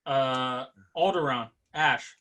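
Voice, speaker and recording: A man co-hosting a casual show review, talking in an animated way full of "like"s. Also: medium pitch, slow pace. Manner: animated, filler-heavy with many "like"s. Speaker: podcast co-host.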